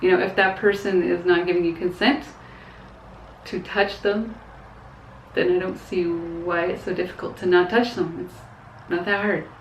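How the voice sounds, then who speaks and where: A woman's voice: lowish voice, fairly even intonation, measured pace, a little hiss or hum. A young woman talking frankly in a casual opinion vlog, earnest but hesitant, with fillers and small laughs. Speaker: vlogger. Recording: echoey, dull room sound.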